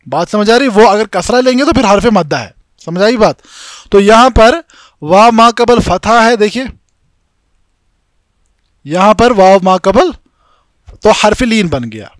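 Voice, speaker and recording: High-voiced Kashmiri man teaching tajweed. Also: no echo, clean studio sound. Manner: explains step by step, keeps checking if students follow; chants Arabic examples slowly and drawn out. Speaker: tajweed instructor. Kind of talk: classroom lecture with slides.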